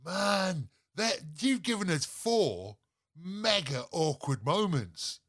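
A man's voice: high voice, big pitch swings, slow pace, fairly bright tone. A man hosting a radio phone-in, chatting casually with callers and laughing easily. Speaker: radio show host.

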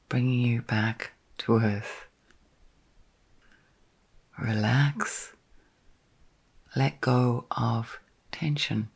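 With a rumbling low voice, a woman talks listeners toward sleep in a guided meditation. Her delivery is breathy, soft, and partly whispered, gentle and calming, with long silences between brief phrases.

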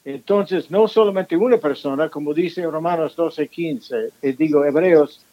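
A man being interviewed about his book, talking slowly through many fillers and restarts. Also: a little high, lo-fi sound. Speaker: author and pastor guest. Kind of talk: interview conversation.

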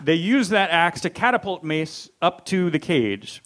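A man's voice: fairly high pitch, expressive, measured pace, a bit bright. A man hosting a casual, comedic film recap chat in a wry, jokey manner, often laughing as he talks. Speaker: podcast host recapping a film.

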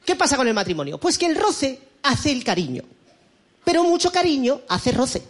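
A man's voice: extremely high pitch, sing-song, moderate pace, a little hiss or hum. A middle-aged man with a Spanish accent from Spain, performing a stand-up comedy set in a mocking, exaggerated way and slipping into voiced impressions. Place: comedy club stage with a live audience. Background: audience laughter.

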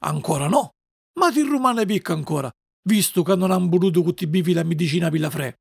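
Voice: mid-range voice, animated, brisk, vocal fry, a little mellow, husky, no echo, studio quality, heavily acted. A reader voicing a band of grim rabbit undertakers who speak bluntly in a dialect. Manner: blunt, grumbling.

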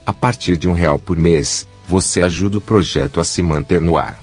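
A man's voice: low voice, moderate pace, darkish tone, slightly rough, soft background music. A synthetic male voice like an old speech synthesizer, with a Brazilian accent, mechanically reading a scripted technology news bulletin as announcer. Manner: mechanical, evenly read announcements.

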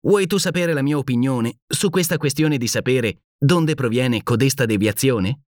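A man voicing a cheerful, carefree male space traveler in an audiobook, talking in a lively, nonchalant way. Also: medium pitch, normal speed, no echo, studio quality, voice pushed up, lightly acted.

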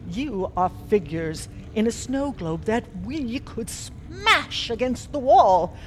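A woman's voice: fairly high pitch, very animated, slow, a little hiss or hum. A woman playing an imperious, menacing mystic villainess in an audio drama, grandiose and taunting. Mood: taunting, threatening. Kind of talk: dramatic audio fiction acting.

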